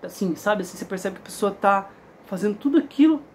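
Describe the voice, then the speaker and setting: A man's voice: high-pitched, expressive, quick pace, a little hiss or hum. A Brazilian man speaking earnestly to camera about his own experience as a father, often checking in with his listeners. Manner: emphatic, earnest, frequent tag questions. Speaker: father sharing his story. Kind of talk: casual spoken testimony to camera.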